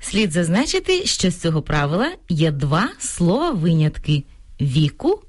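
A woman co-presenting a scripted radio talk on grammar, reading out examples in a clear, deliberate way. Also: on the low side, big pitch swings. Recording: radio studio broadcast.

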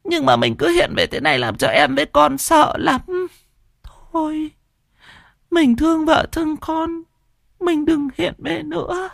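Casting: man playing a wailing widow in a high falsetto, pleading. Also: big pitch swings, a little slow, creaky, fairly bright tone, no room sound, clean studio sound, heavily acted. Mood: tearful. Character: weeping widow, middle-aged woman.

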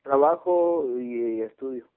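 Young man from guatemala, halting answers, dry tinny phone sound. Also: mid-range voice, clean tone, no room sound. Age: 20s. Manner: hesitant, searching for words. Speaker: interviewee. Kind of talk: casual phone interview.

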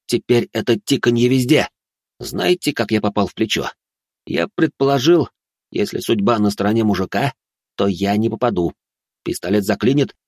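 A man's voice: lowish voice, breathy edge, dry recording, studio quality. A man narrating a first-person story in a tense, dramatic way.

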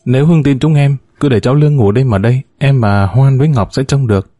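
A man voicing a tender, caring young woman in a softly raised, hurried voice. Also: mid-range voice, dry recording, clean studio sound, close to an everyday voice.

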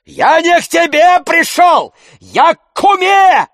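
A man voicing a loud, bullying middle-aged male sponger who shouts abuse and blusters in a storybook reading. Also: extremely high pitch, sing-song, takes it slowly, no room sound, clean studio sound, voice pushed up, heavily acted. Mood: raging shouting.

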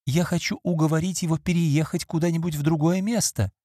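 A man's voice: a little high, fairly even intonation, a little fast, warm tone, dry recording, clean studio sound, voice pushed up, close to an everyday voice. A man reading an audiobook and voicing a timid former maid, now an innkeeper's wife, who whimpers and pleads in a raised, woman-like voice. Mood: pleading.

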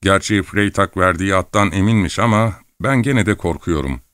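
A gruff young army captain, as a male reader acts him out, blunt in tone and quick to sulk. The voice sits low and close. No room sound is heard at all. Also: a bit bright, no echo. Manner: blunt, sulky.

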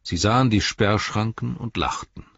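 A man reading an audiobook in steady, even scripted narration. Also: lowish voice, normal speed, vocal fry, husky, no echo. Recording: dry, slightly dull studio sound.

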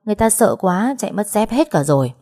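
A woman's voice: medium pitch, sing-song, quick pace, mellow, pitched above the performer's own voice. A woman doing a cheeky young male junior officer. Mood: teasing. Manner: chirpy, teasing.

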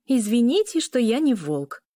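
A woman voicing an impulsive, sharp-tongued young woman in an audiobook, with snappy, indignant questions. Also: fairly high pitch, lively intonation, normal speed, no room sound, clean studio sound, voice pushed up, natural voice.

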